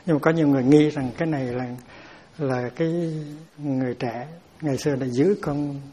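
A man's voice: on the high side, steady tone, a little fast, warm tone, slightly rough. A man giving a Buddhist dharma talk as teacher, explaining terms patiently and often repeating words as he searches for them.

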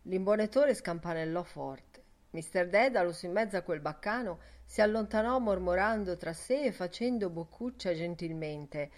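A woman narrating a literary audiobook with an expressive, measured reading. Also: fairly low pitch. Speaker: audiobook reader.

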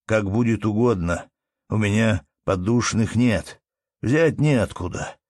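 A man's voice: fairly low pitch, slow pace, a little mellow, no room sound. A poor, desperate peasant from an audiobook tale pleads humbly and sounds close to tears. A man voices him as he reads. The recording is dry and close. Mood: pleading. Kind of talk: audiobook character reading.

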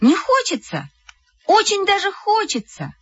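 Woman doing a squeaky anxious schoolgirl. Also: huge pitch swings, measured pace, distant mic, lo-fi sound, full character voice. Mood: excited.

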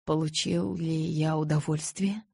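A cold, brooding young vampire, all restraint and self-reproach , put on by a woman narrating the book. The voice sits low and a little husky, close to a dry mic. His words come out clipped and icy. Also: steady tone, measured pace, dark tone, no echo, exaggerated voice. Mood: strained.

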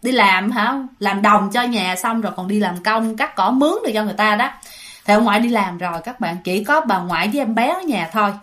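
A woman's voice: medium pitch, brisk, fairly bright tone. A woman with a Southern Vietnamese accent telling a ghost story in a chatty way, addressing listeners often and using many fillers.

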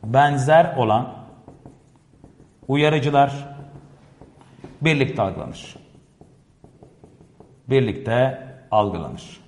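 A man's voice: mid-range voice, big pitch swings, extremely slow, pauses often, darkish tone. A man teaching a classroom lecture, explaining step by step, repeating key phrases and constantly addressing his listeners. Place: classroom with a board. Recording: echoey room with long reverb.

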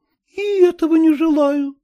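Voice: very high-pitched, moderate pace, dark tone, muffled recording, voice pushed up. Чтец изображает обиженную молодую жену, капризную и надменную, высокий голос. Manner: haughty, sulky replies. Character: young bride, sulky and offended.

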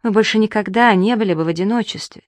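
A woman's voice: medium pitch, quick pace, no echo, voice pushed up, natural voice. A reader voicing a proud, distraught young woman who begs and argues with feeling, in an audiobook. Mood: pleading. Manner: pleading, emotional reading.

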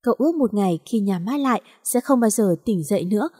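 A woman narrating a sad story in a slow, mournful reading style. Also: medium pitch, lively intonation, dark tone, husky, dry recording, studio quality. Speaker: audiobook narrator.

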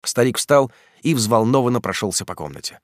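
A man narrating an audiobook in a measured, dramatic reading. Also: mid-range voice, sing-song, dry recording, studio quality. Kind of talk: scripted narration.

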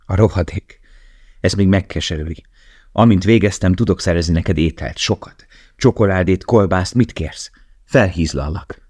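A man's voice: low voice, a little mellow, slightly rough, dry recording, clean studio sound. A man reading an earnest, protective young prisoner. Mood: earnest urgent. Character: young male camp prisoner, warm, protective.

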